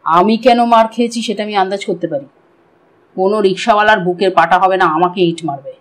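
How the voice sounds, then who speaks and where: A woman voicing a tough injured young man in an audiobook, speaking low, curt and matter-of-fact. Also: fairly quick, natural voice, poor audio. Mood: grim.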